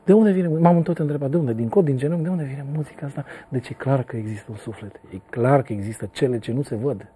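A man, a musician guest, talking in a lively way, musing aloud and tapping out rhythms in syllables. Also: mid-range voice, hardly any pauses, slightly rough. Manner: animated, muses aloud and scats rhythms. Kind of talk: animated conversation.

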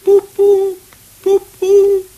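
An actor with a British accent playing a conceited, excuse-making toad in a hissy 1970s radio drama. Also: male voice, high voice, huge pitch swings, moderate pace, fairly bright tone, exaggerated voice. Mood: sheepish, then excited. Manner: blithe, boastful, theatrical. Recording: hissy old radio broadcast.

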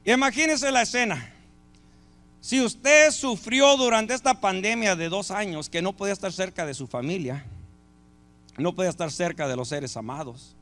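A man's voice: sits high, moderate pace, fairly bright tone. A male pastor, preaching a sermon and asking the congregation rhetorical questions.

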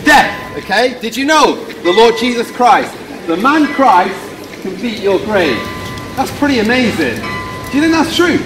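A middle-aged man from the UK preaching an open-air street sermon, loudly questioning passers-by and gesturing widely. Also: very high voice, sing-song, a little slow, music in the background. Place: rainy pedestrian shopping street outdoors. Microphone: camera a few metres away, no visible mic. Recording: distant outdoor street recording with noise.

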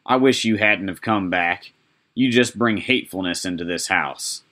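A man's voice: low voice, normal speed, pushed and bright. A man voicing a mean, scornful stepmother who snaps at the girl. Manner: snappish, scornful.

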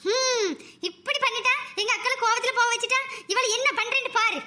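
Brief: woman voicing a pushy young husband, high bright voice. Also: steady tone, brisk, heavily acted. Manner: coaxing pleas turning to harsh orders. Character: pleading, then bullying young husband.

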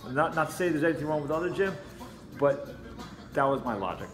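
In an interview at an indoor martial arts gym with mats, a male trainer talks fast and animated in a fairly high voice, explaining things casually with lots of "you know." A camera a few feet away picks him up in an echoey room with faint music in the background.

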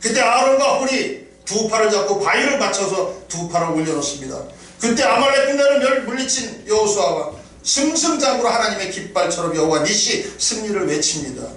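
A man's voice: high voice, lively intonation, a little fast, fairly bright tone. A middle-aged man preaching a sermon as a pastor. He speaks emphatically and rises into quoted prayers. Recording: echoey hall from far off, faint noise.

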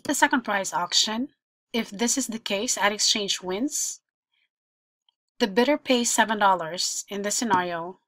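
Female tutorial presenter, mid-pitched, methodical step-by-step explainer, dry close-miked voice-over. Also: a little slow, a bit bright, dry recording. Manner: explanatory, walks through examples step by step. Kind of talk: screen-share tutorial voice-over.

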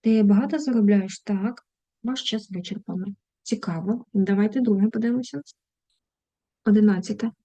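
A woman's voice: mid-range voice, normal speed, dark tone, no echo, dull audio. A woman with a Ukrainian accent, an English teacher reading out words and translating them during an online lesson.

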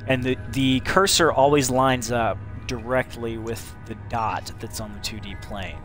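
A man's voice: medium pitch, steady tone, unhurried, fairly bright tone. A man with a slight lisp, giving casual, rambling commentary while playing a video game, full of ums and restarts. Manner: rambling and chatty, with many fillers and restarts. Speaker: gameplay commentator. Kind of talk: casual let's-play commentary. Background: game music.

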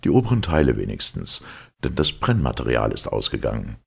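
A man voicing a calm, phlegmatic English gentleman who speaks in an unruffled way. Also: very deep voice, brisk, gravelly, slightly rough, pitched below the performer's own voice, full character voice. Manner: unruffled, even-tempered.

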